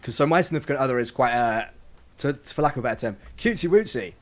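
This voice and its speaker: Young man, from the UK, guest storyteller, casual chat, relaxed, middle pitch. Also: fast. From United Kingdom.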